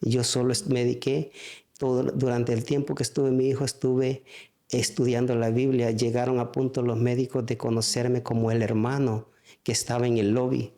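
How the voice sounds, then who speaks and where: A man giving a spoken church testimony, halting, with frequent restarts and fillers. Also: mid-range voice, flat delivery, warm tone.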